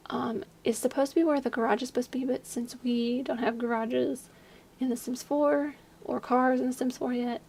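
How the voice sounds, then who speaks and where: At her desk at home at night, a young video creator gives casual voice-over commentary on a game build, hushed so as to keep quiet. Her voice is a bit high, gravelly and breathy, slightly hoarse as she loses it, with fairly even intonation and a moderate pace. She rambles chattily, using many fillers.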